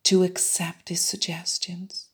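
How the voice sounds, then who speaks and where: A woman guiding a hypnosis meditation in a soft unvoiced whisper, repeating soothing suggestions. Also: lowish voice, little pitch movement, slow, slightly rough. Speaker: meditation guide.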